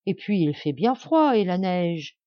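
A woman voicing a timid, gentle girl who speaks hesitantly, read from a storybook. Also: fairly low pitch, sing-song, unhurried, dry recording, highs cut off.

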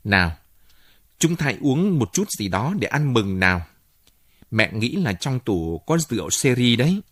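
A man's voice: mid-range voice, very animated, normal speed, a bit bright. A man voicing an anxious middle-aged mother who fusses and scolds about appearances. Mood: fretful.

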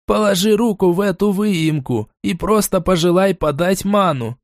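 A man voicing an impatient, sharp-tongued female herbalist mage who snaps irritably. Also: sits high, normal speed, dry recording, studio quality, voice pushed up. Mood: irritated. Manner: snapping, irritated.

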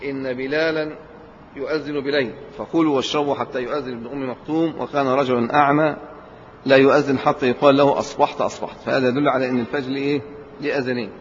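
A man's voice: medium pitch, fairly even intonation, fast, a little hiss or hum. A man with an Egyptian accent giving a colloquial religious lesson, explaining step by step and posing questions he then answers himself. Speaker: religious teacher. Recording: reverberant hall, slightly dull lo-fi sound.

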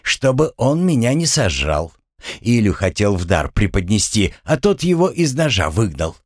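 Guy reading a cool unbothered young hero in a storybook, dry teasing tone, lively pitch, dry close sound. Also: normal speed, no room sound. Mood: mocking. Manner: deadpan and teasing. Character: calm, sardonic young man, unbothered.

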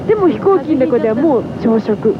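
A young woman with a high, bright voice chats and teases like a radio host. The recording is muffled and old, buried under heavy hiss from a 1970s broadcast. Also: lively intonation, brisk. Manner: giggly, teasing. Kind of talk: playful radio banter.

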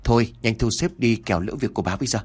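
A man voicing a cunning old mistress of the house who gives hurried, evasive orders in an audiobook. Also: mid-range voice, a little mellow, breathy edge, natural voice. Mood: commanding.

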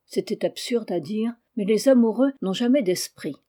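Calm, mellow woman narrating a story. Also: mid-range voice. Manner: calm, measured reading. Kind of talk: audiobook narration.

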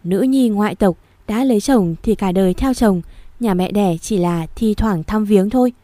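A woman's voice: normal speed, mellow, no echo, close to an everyday voice. A woman reading a sad old village mother. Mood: sorrowful. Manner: low, sad, near tears. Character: older rural mother, sorrowful and old-fashioned.

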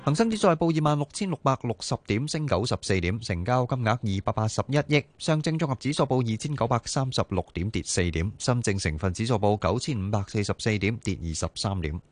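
Male Hong Kong Cantonese newsreader: low voice, lively intonation, quick precise bulletin read. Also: no room sound. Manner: brisk, formal, precise. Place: radio studio.

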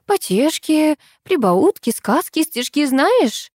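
Woman doing a shrill bossy old agency boss. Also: big pitch swings, slow pace, a little mellow, dry recording, studio quality, full character voice.

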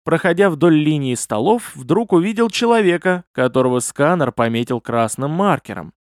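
A man narrating a fantasy audiobook in an expressive, lively reading style. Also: fairly high pitch, moderate pace, no echo, studio quality.

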